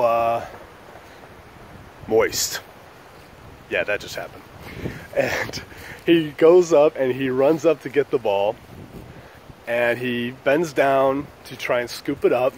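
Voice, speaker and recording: A man's voice: mid-range voice, a little mellow, a little hiss or hum. A man hosting his own channel, telling a story in a loose, joking, profane way. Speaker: channel host. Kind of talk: casual storytelling vlog.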